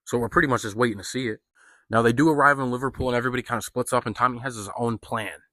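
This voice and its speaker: Bright-voiced man reviewing a film casually. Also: medium pitch, rapid-fire, no room sound, clean studio sound. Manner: loose and profane, heavy on "like" and slang. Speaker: movie reviewer.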